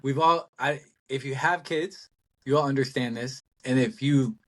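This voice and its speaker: A middle-aged man co-hosting a casual business chat, animated and rambling, laughing often and talking bluntly with some swearing. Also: medium pitch, a little slow. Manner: blunt, salty language. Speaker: podcast co-host.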